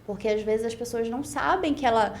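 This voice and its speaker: A woman's voice: fairly high pitch, a little fast, a little mellow, a little hiss or hum. A woman in her twenties with a Pernambuco accent, a podcast guest talking through her story in long, reflective stretches, often tagging on "né?". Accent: Brazilian Portuguese, Pernambuco. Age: 20s. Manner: reflective, talks in long run-on stretches with frequent "né?". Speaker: guest, beauty pageant winner. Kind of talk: casual podcast interview.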